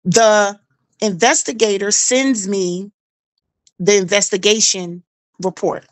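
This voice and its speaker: A woman's voice: mid-range voice, fairly even intonation, slow pace, no echo. A middle-aged woman tells her own story in casual chat. She talks animatedly, acting out quoted dialogue and repeating phrases for emphasis. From South Carolina, US.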